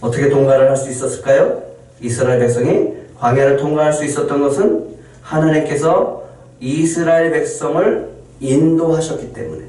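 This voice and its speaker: Male pastor, fairly high voice, preaching in a very echoey church from a distant mic. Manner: preaching with dramatic pauses and quoted complaints. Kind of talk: sermon. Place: church sanctuary. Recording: loud echo, distant mic in church hall.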